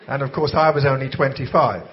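A man preaching in church who speaks unhurriedly and pauses with fillers for his interpreter. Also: mid-range voice, fairly even intonation. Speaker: guest preacher. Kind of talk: sermon with interpreter. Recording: dull lo-fi sound.

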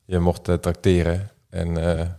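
A Dutch man, a pastor's son, telling childhood stories in a casual talk, with many pauses and fillers. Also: deep voice, completely flat delivery, warm tone, clear, resonant tone. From Netherlands. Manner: hesitant, filler-heavy storytelling. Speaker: guest. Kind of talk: casual podcast conversation.

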